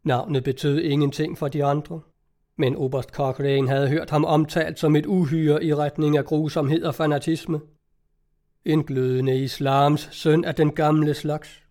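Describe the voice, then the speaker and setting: Warm-voiced man reading a novel aloud. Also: fairly high pitch. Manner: measured, even storytelling delivery. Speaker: audiobook reader. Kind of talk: scripted narration of a novel.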